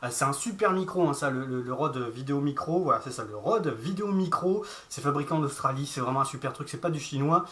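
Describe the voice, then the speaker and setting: A man's voice: mid-range voice, fast, few pauses, fairly bright tone. A man filming a casual unboxing vlog, speaking straight to the viewer in a chatty, informal way through a camera-mounted shotgun mic. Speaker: vlogger reviewing gear.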